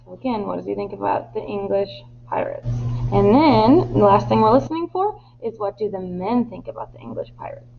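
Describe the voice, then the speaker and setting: A woman's voice: mid-range voice, animated, normal speed, gravelly. A woman teacher reading a story aloud and explaining it with patient fillers. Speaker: Spanish teacher. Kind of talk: recorded classroom lesson reading. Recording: tinny phone-like line with faint hum.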